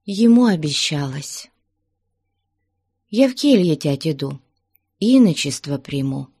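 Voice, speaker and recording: A woman's voice: animated, slow pace, dark tone, husky, no room sound, clean studio sound, exaggerated voice. A woman doing a pleading young maiden. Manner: pleading, high and emotional.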